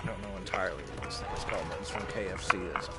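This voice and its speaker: A man's voice: low-pitched, racing, over loud music. A man casually chatting on a live stream, rambling and swearing freely on a close headset mic. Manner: profane, rambling, laughs easily. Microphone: headset mic close to the face.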